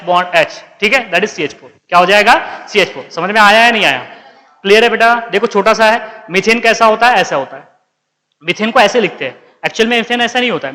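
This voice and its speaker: Guy teaching a chemistry class, high bright voice, keeps quizzing the kids and answering himself, big echoey room. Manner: calls students beta, asks and answers own questions. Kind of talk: classroom lecture.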